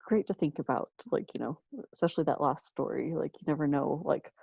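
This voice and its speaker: Low gravelly woman host, dull lo-fi sound. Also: a little fast, dry recording. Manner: soft-spoken, many fillers. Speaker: podcast host. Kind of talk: casual interview.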